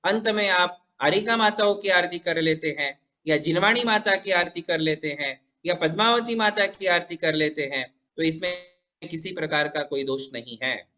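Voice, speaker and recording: Man, Jain monk, high voice, bright tone, patient explanations, religious Q&A. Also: normal speed. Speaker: Jain monk answering questions. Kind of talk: religious question-and-answer teaching.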